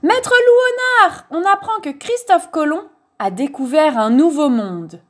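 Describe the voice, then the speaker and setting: A woman voicing an excited messenger who bursts in shouting news in a storybook. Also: sits high, unhurried, pitched above the performer's own voice.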